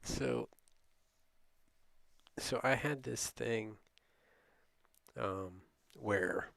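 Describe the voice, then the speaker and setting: A man's voice: mid-range voice, extremely slow, gravelly, a bit bright, no room sound. A middle-aged man telling a rambling, casual late-night story as a streamer, often laughing and quoting people.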